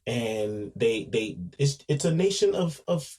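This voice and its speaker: A man speaking as a podcast host, talking off the cuff at an ordinary pitch for a man. He speaks emphatically, circling back over his words, and his volume keeps rising and falling. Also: expressive, slow. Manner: emphatic, with frequent restarts and repeats; swings between loud and quiet. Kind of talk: casual monologue.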